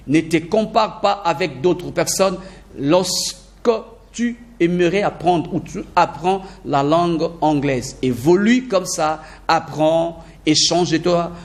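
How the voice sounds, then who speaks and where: A man with a high voice gives an energetic video lesson as an English teacher. He repeats key phrases for emphasis and slips into English sentences now and then.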